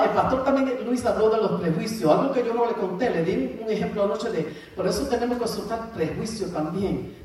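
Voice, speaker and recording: A woman's voice: medium pitch, darkish tone, distant mic. Fervent woman preaching in an echoey hall. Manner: fervent, laughs often, slips into English phrases. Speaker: church speaker giving testimony. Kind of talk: preaching testimony.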